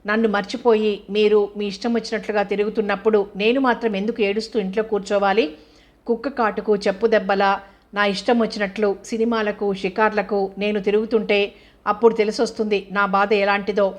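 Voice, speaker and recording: A woman's voice: medium pitch, little pitch movement, quick pace, lightly acted. A woman voicing an angry, hurt young wife who accuses her husband with bitter sarcasm. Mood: bitter, reproachful.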